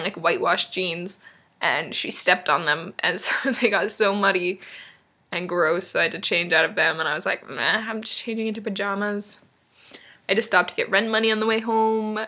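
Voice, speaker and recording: A woman's voice: medium pitch, vocal fry, pushed and bright. A young woman from Maine rambling to a friend on a webcam at home, giggly and self-deprecating. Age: young adult. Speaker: vlogger. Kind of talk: casual chat to a friend.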